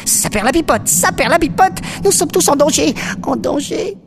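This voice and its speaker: A woman voicing a small, brave, excitable duckling who repeats his words and mangles big words in a children's story. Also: sits high, moderate pace, creaky, noisy background. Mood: alarmed. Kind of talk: storybook acting.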